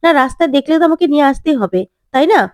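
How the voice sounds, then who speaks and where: A woman's voice: high-pitched, animated, very fast, darkish tone, no echo, clean studio sound, voice pushed up. A woman voicing a teasing, self-assured young male doctor in a retold serial, rambling through his explanations.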